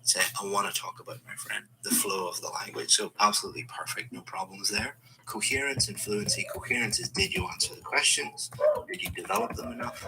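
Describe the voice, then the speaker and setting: A man's voice: lowish voice, brisk, noisy background. A man acting as an English speaking examiner, giving encouraging, explanatory feedback on a practice test. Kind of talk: giving spoken exam feedback.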